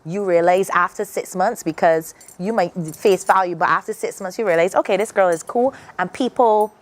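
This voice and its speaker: Speaking with a Barbadian accent at normal speed, a woman from Barbados uses a fairly low voice as a morning TV guest. She comes across as earnest and thoughtful, beginning her sentences again many times.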